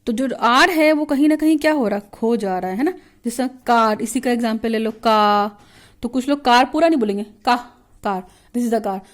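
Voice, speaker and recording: A woman teacher giving an explanatory lesson, asking herself questions, restarting words and reading out English lines slowly. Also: fairly high pitch. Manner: mixes Hindi with slow, drawn-out English read-outs; frequent self-questions and restarts.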